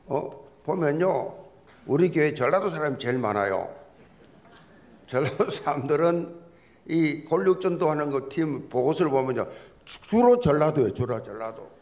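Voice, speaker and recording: A pastor preaching a Sunday sermon in a church, telling folksy jokes as he goes. His voice is gravelly with a strong rasp, and his pitch swings widely from high to low. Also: a little mellow. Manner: folksy, joking storyteller. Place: church sanctuary.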